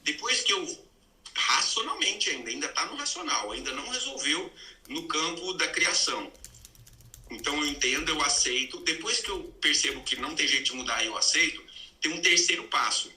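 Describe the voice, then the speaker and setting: A man with a very bright, sharp voice walks through his points step by step like a teacher. He sits some way off the microphone in a roomy space, so the sound comes back with an echo. His pitch sits a little higher than most men's. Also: animated, moderate pace. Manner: didactic, lays out numbered steps. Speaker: host, explaining spiritual healing steps. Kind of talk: live-streamed conversation. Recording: roomy, distant mic.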